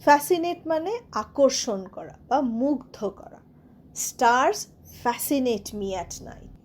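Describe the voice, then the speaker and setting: Female teacher, high pitch, unhurried letter-by-letter spelling delivery. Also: animated. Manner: spells words letter by letter, example sentences read very slowly. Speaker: English pronunciation teacher. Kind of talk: Bengali-language English vocabulary lesson.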